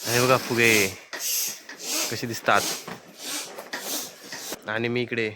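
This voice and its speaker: A man's voice: medium pitch, level tone, slow pace, background noise. A man talking playfully to viewers in a casual vlog, pointing things out one after another. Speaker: vlogger showing birthday preparations.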